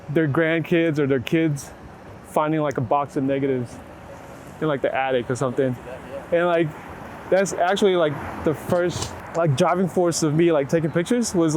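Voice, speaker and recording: Traffic hums around a middle-aged photographer being interviewed outside in a city, amid urban ambience and passing vehicles. His voice sits on the high side with a darkish tone, and his casual, reflective answers come haltingly, full of fillers and constant rewording.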